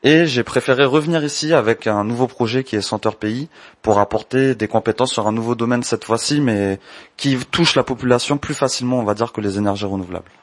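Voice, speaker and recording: A man in his twenties from French Guiana, answering interview questions about his business in a measured, explanatory way. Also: mid-range voice, dry recording. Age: 20s. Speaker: entrepreneur, candle maker.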